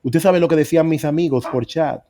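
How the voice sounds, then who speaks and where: A man's voice: on the high side, fairly quick, dark tone. A middle-aged man preaching, telling his own story with earnest emphasis. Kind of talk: sermon testimony.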